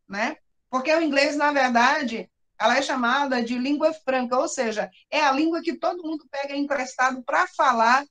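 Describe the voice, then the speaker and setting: High-voiced Brazilian woman teacher. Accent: Brazilian Portuguese. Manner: explanatory, often asks for agreement and addresses the class directly. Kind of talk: classroom explanation.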